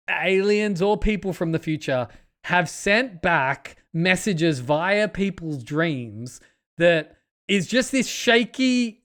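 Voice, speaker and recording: High-voiced man retelling a film. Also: clean tone. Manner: animated, retelling a film plot with acted-out quotes. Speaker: podcast host. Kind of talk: casual podcast chat.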